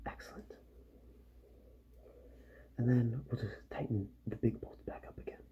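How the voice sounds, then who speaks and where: A soft-spoken man murmurs to the listener as a repair doctor at work in an ASMR roleplay, frequently sinking toward a whisper. He speaks unhurriedly at a medium pitch with a steady tone, and the recording sounds muffled.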